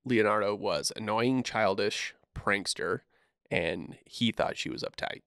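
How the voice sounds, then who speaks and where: A man's voice: on the low side, a little slow, no room sound, studio quality. A man hosting a casual podcast, talking loosely with fillers and trailing phrases. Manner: relaxed, trailing off, frequent fillers. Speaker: podcast host.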